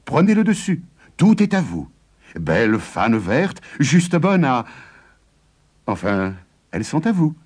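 A man's voice: medium pitch, big pitch swings, slow pace, pauses often, a little mellow, husky, voice pushed up, heavily acted. A man voicing a stubborn, sly farmer in a storybook tale.

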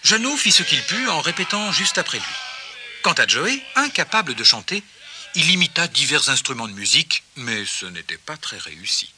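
A man reading a children's story aloud with expressive narration. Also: a little high, normal speed, music in the background. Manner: expressive, gently paced narration.

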